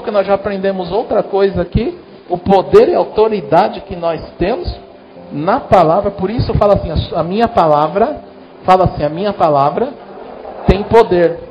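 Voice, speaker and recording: A Brazilian pastor delivers a chatty sermon in church, speaking directly to the congregation with a Brazilian Portuguese accent. His voice is high with a darkish tone, and the recording has its upper frequencies cut off.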